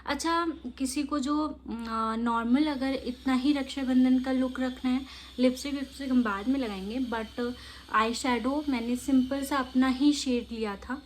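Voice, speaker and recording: A woman's voice: high voice, steady tone, a little slow, a little hiss or hum. A young woman chatting casually while doing her makeup, laughing as she tells childhood stories. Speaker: makeup vlogger.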